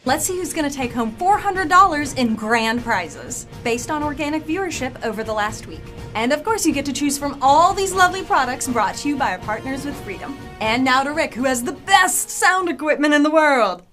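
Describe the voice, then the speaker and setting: A woman with a high, lively voice hosts an online show in a bubbly, playful manner. Her pitch swings up and down as she talks. Music runs clearly in the background. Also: moderate pace, few pauses. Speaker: host. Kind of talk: casual online show hosting.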